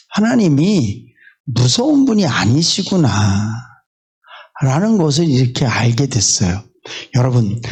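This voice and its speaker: A man's voice: a little high, darkish tone, slightly rough. A male pastor from South Korea preaching a sermon in a candid, conversational way, full of fillers and asides. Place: church sanctuary.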